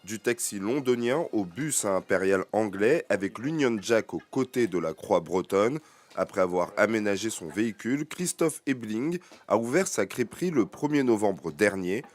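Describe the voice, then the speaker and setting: A man presenting and narrating local television news reports in a measured, scripted way. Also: fairly low pitch, lively intonation.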